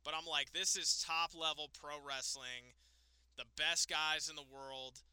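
A man with a sharp, bright voice and smooth, clear tone talks excitably about the latest wrestling show. He says "like" often and swears casually. The sound is close and dry, with no room around it. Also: fairly high pitch, a little slow, no echo. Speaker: podcast co-host. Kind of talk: casual wrestling review chat.

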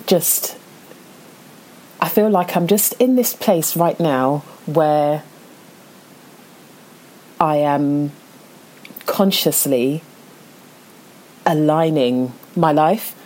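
Slow, mellow-voiced female podcast host. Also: low-pitched, lively intonation. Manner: warm, enthusiastic, encouraging. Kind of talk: podcast interview.

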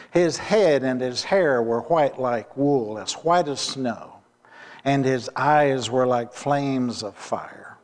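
A man, the pastor, preaching a sermon deliberately and asking the congregation rhetorical questions. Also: mid-range voice. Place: church sanctuary. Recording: long reverb of a church hall.

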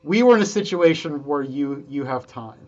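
A man telling stories from his engineering career in a casual conversation, lively and quick to act out the people he quotes. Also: fairly high pitch, muffled recording. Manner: animated storyteller, quick to quote himself and others. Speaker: guest engineer.

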